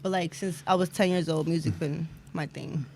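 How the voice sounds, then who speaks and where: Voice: medium pitch, steady tone, normal speed, darkish tone, a little hiss or hum. A speaker in their twenties, chatting loosely as a guest, with many fillers and easy laughs. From Bronx, New York. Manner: rambling, filler-heavy, laughs easily. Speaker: guest music artist. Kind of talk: casual podcast chat.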